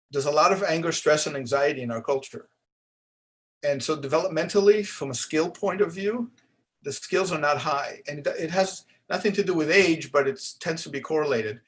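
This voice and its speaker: A man giving a conference lecture on therapy skills, speaking conversationally with frequent tag questions and "uh"s. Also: a little high. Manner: conversational, frequent "right?" asides; restarts and filler "uh"s while explaining. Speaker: psychologist speaker.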